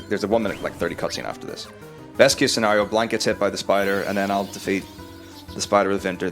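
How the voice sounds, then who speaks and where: A man with a Northern Irish accent talks through his speedrun in a loose, rambling way, often restarting his sentences. His voice sits on the low side, with faint game music playing underneath. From Northern Ireland. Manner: chatty, rambling explanations with restarts. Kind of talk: live speedrun commentary.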